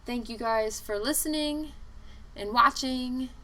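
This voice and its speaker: A young woman chatting to her viewers while she draws. She talks at an unhurried pace in a bright, forward voice, exasperated and chatty, playing out each side of the conversation. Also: a little high, low-quality recording. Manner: chatty, exasperated, quotes people in dialogue. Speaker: vlogger. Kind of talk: casual storytelling over time-lapse.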